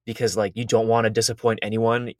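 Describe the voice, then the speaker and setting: A man's voice: on the low side, flat delivery, fast talker, no room sound, studio quality. A young man co-hosting a podcast in a laid-back, casual chat with his friend, often chuckling and agreeing. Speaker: podcast co-host.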